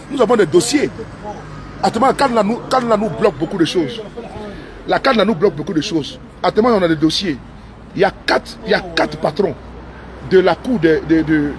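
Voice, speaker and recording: A man streaming live from inside his car, talking in a long, repetitive, rambling monologue and slipping into broken English now and then. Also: high-pitched. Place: inside his parked car with engine running.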